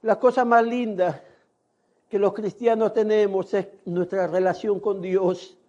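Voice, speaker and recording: A male pastor preaching a sermon in a slow, emphatic manner that sometimes rises to a shout. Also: sits high, fairly even intonation. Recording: dull lo-fi recording.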